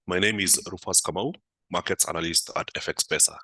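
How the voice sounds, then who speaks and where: A man hosts a live market analysis stream, responding to live comments at an unhurried pace with lots of "uh" fillers. A flu has left his voice a little off. It's deep, pushed and bright, with no echo.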